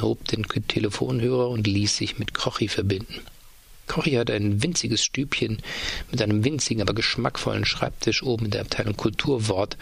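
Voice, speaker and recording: A man reading a story aloud in a dry, measured way. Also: fairly low pitch, gravelly, a bit bright, husky. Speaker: narrator. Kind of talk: audiobook reading.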